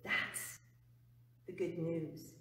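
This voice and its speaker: A woman's voice: fairly low pitch, level tone, drawn-out words, background noise. Woman pastor preaching in a roomy church. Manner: earnest, emphatic preaching, dropping to a hush on key phrases. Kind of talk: sermon. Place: church sanctuary before the altar. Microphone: far camera. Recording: roomy church reverb, far from mic.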